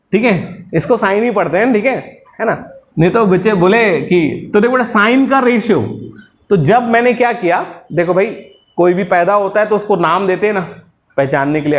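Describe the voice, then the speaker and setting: A man teaching a class. He jokes around, calls his students "beta" and keeps checking with them, "hai na?". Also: high voice. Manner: jokey, keeps asking "है ना?" and calls students "बेटा". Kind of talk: classroom lecture.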